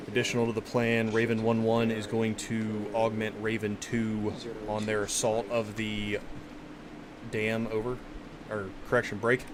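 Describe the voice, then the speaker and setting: Low, flat man commanding through heavy noise. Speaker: commander in a military simulation game. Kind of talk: military radio procedure, clipped orders. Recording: very noisy, clicks and vehicle rumble.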